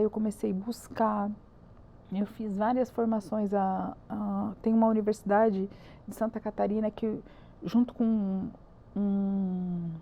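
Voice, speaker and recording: Her voice is a little high with a dark tone. She's a Brazilian Portuguese-accented woman who leads a church ministry, appearing on a podcast to give an earnest personal testimony, emphatic and prone to repeating words for emphasis.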